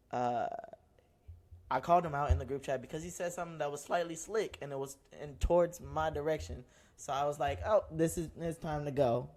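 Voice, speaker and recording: A man telling a personal story in casual podcast chat, animated and laughing often, with slangy phrasing. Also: fairly high pitch. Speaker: podcast co-host.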